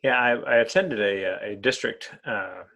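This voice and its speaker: A man's voice: fairly low pitch, moderate pace, sharp tone. A man interviewing a guest in an online club meeting, who often repeats words while searching for phrasing.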